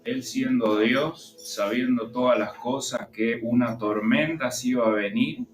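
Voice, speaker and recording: A man preaching a sermon, reading scripture slowly and adding explanatory asides. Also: medium pitch. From Argentina. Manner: slow, deliberate preaching with pauses and asides. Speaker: pastor. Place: church hall. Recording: echoey church hall with music behind. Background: music.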